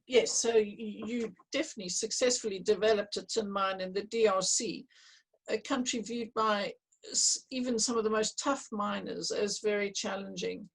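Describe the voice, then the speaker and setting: A woman chairing a virtual panel discussion, asking measured questions with some hesitant restarts. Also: mid-range voice, fairly even intonation, creaky, husky, rough recording.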